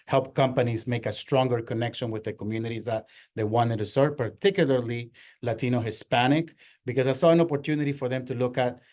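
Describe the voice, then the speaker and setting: A man's voice: mid-range voice, fairly even intonation, fairly quick, darkish tone. Earnest man presenting a workshop. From Ecuador. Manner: earnest, many fillers and restarts. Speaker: workshop presenter, marketing agency owner. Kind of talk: workshop lecture.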